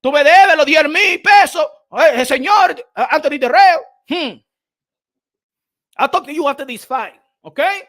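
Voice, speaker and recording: A man hosting a casual boxing livestream, animated, swinging between loud outbursts and low mumbling, dropping Spanish phrases into his talk. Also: normal speed. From United States. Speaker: boxing commentator.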